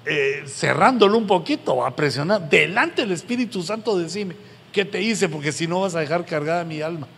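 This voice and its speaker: A middle-aged man preaching to pastors, earnest and pleading, with sudden loud emphatic rises. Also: on the high side, lively intonation, moderate pace, creaky, husky. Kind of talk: sermon to pastors. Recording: long hall reverb, faint background noise.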